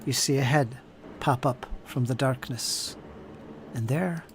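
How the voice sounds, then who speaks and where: A man running a tabletop game as game master, narrating scenes in a deliberate, descriptive way with a shifting pace. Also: medium pitch, a little hiss or hum.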